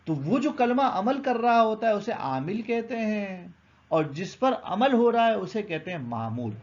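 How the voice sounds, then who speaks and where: Gravelly man teaching a grammar lesson. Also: high voice, muffled recording. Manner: explains patiently, asks and answers his own questions.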